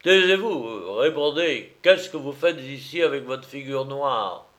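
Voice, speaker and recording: Pompous loud gendarme for a storybook reading, played by a male narrator. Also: medium pitch, animated, a little slow.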